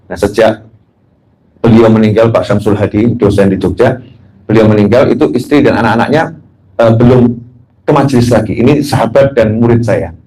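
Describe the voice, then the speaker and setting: A man's voice: fairly low pitch, fairly quick, long pauses, warm tone, poor audio. A man preaching as a habib, telling anecdotes, joking and asking the audience questions. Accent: Indonesian. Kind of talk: religious talk.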